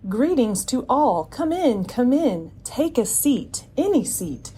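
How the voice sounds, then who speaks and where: A woman playing a husky rhyming cafe hostess. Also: a little high, big pitch swings, slow pace, warm tone, exaggerated voice. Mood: welcoming. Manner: sing-song rhyming speech. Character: warm, welcoming cafe hostess who rhymes.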